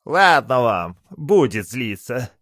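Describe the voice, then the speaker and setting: A man voicing a fat, cackling male bathhouse spirit with a high, teasing, wheedling voice. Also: big pitch swings, takes it slowly, fairly bright tone, no echo, clean studio sound, heavily acted. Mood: sly.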